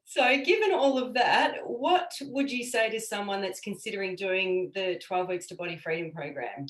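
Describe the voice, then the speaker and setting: A woman's voice: mid-range voice, normal speed. A woman interviewing casually as a coach, with an encouraging, affirming way of talking. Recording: roomy, echoey sound.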